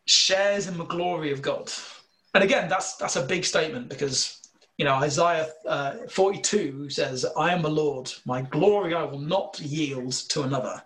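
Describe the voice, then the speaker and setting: A man's voice: a little high, fairly bright tone. Northern English man explaining scripture. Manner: earnest, explanatory, thinking aloud with many fillers. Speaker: bible teacher. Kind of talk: casual theological discussion.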